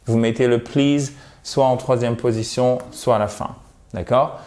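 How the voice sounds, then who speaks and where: Male French-native English teacher, unhurried delivery, mid-range voice, playful exaggeration. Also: medium pitch, fairly even intonation, darkish tone. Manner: explains slowly, models English pronunciation with exaggerated tones. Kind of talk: video lesson for French speakers.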